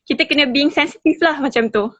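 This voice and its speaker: High-voiced young woman on a dull video call. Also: brisk, fairly bright tone, no room sound. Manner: hesitant, thoughtful, many fillers. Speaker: caller giving feedback. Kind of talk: casual call-in comments. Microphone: video call on a phone.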